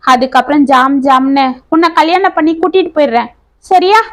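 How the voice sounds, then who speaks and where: A determined young man, read by a woman talks earnestly and reassuringly to the one he loves. The voice is high and bright in this storybook reading. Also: a little fast, lightly acted.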